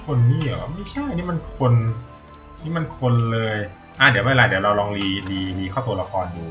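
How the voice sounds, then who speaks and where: A man's voice: lowish voice, lively intonation, brisk, bright, forceful tone, faint music behind. A man giving casual, rambling gameplay commentary as a tutorial streamer, thinking aloud and swearing now and then.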